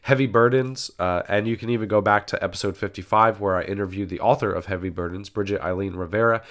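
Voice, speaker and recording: A man hosting a podcast, sounding nasal from a cold, talking in a measured way with frequent fillers. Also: fairly low pitch, fairly bright tone. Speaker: podcast host. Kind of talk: casual podcast intro.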